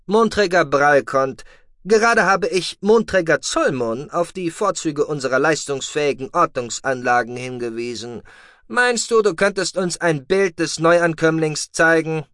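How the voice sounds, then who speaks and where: A man voicing a calm, dry-witted male alien ship commander in an audiobook, commanding and sardonic. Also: on the high side, measured pace, no echo, voice pushed up. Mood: ironic.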